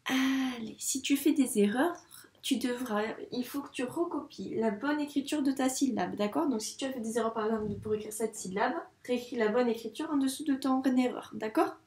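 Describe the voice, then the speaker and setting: A woman teaching first grade, running a dictation lesson for young children and saying syllables slowly and clearly. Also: a little high, darkish tone. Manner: slow, clearly articulated syllables. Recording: echoey room.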